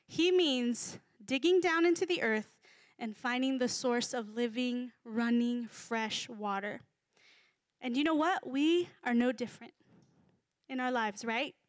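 A woman's voice: high voice, no room sound, clean studio sound. A woman in her thirties giving a casual, humorous sermon to a congregation, chatty and full of fillers. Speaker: speaker at a church gathering.

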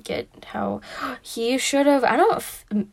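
A woman's voice: a little high, slow pace, creaky. A young woman co-hosting a casual podcast, chatty and giggly, with lots of "like" and "um". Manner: chatty, giggly, filler-heavy. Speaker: podcast co-host. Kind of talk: casual chat.

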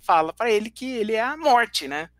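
A man's voice: sits high, moderate pace, dry recording, studio quality. A man chatting casually about a film, often tagging his sentences with "né". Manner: relaxed, conversational, frequent tag questions.

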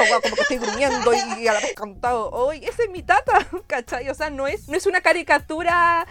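A young woman speaks in a high, sing-song southern Chilean accent. She chats casually and emphatically, peppered with slang and playful teasing. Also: a bit bright. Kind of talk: casual chat.

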